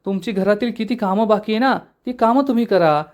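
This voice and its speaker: A man's voice: high-pitched, brisk, muffled recording, voice pushed up, lightly acted. A man voicing an anxious young woman who keeps refusing company, reading her lines in a recap. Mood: pleading. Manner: pleading, repeated refusals.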